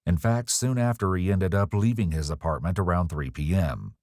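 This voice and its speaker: A man reading a scripted true-crime narration in a measured, ominous way. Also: sits low, darkish tone, dry recording, clean studio sound. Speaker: documentary narrator.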